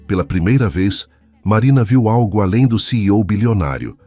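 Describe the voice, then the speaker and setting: A man narrating a scripted dramatic story in a measured way. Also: fairly low pitch, animated, mellow, dry recording, faint music behind.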